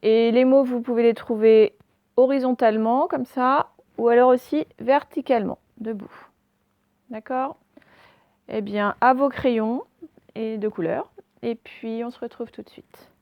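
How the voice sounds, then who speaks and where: Slow, clear-spoken woman teaching phonics. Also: a little high, steady tone, no room sound, lo-fi sound. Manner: slow, sounds out words clearly and stresses the target sounds. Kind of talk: recorded phonics lesson for young children.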